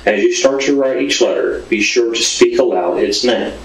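A man dictating a scripted exercise slowly, letter by letter, as an instructor. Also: medium pitch. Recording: roomy, distant playback with faint noise.

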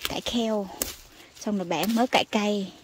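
A woman from Vietnam, chatting excitedly to her viewers as she picks vegetables in her home garden outdoors. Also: medium pitch, normal speed, noisy background. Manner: chatty and exclamatory, calls viewers family. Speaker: gardening vlogger. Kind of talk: casual chat to viewers while harvesting.

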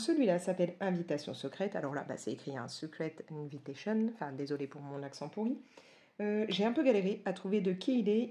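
Paging through coloring books, a woman from France in her forties offers casual, effusive commentary peppered with hesitations. She speaks in a lowish, warm voice.

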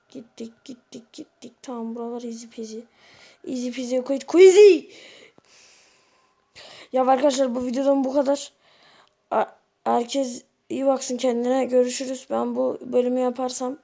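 A woman's voice: a little high, little pitch movement, moderate pace, gravelly, dark tone. Exasperated young woman gaming. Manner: exasperated, exclaiming, muttering to herself. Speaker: gaming video creator. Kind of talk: casual gameplay commentary.

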